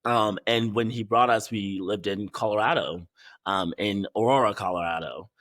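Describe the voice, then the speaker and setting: A young actor from Ghana speaks as a guest in a fairly low voice, relaxed and laughing easily. He restarts his sentences now and then. The recording is dry and close. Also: normal speed, no room sound. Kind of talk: casual interview chat.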